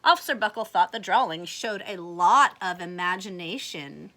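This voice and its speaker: A woman reading a picture book aloud to children in a very expressive way, with asides and questions for young listeners. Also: on the low side, normal speed.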